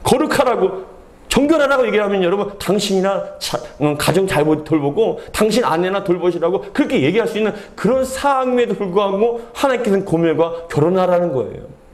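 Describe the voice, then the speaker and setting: A man's voice: high-pitched, lively intonation, fairly quick. A man preaching a sermon as pastor, earnestly addressing his congregation and acting out quoted speech. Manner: acts out quoted speech with dramatic voices. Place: church sanctuary. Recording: echoey church hall.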